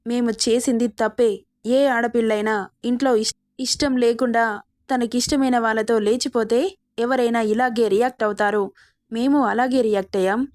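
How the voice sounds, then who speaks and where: A woman's voice: a little high, fairly even intonation, normal speed, darkish tone, no echo, clean studio sound, close to an everyday voice. A woman reading the lines of a proud middle-aged uncle who speaks sternly and indignantly in an audio story.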